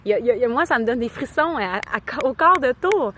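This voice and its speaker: A woman's voice: a little high, animated, fast, a bit bright, a little hiss or hum. A woman from Quebec with a Québécois accent, talking in a casual, rambling vlog and switching between French and English, heartfelt and full of fillers. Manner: enthusiastic, heartfelt. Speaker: vlogger.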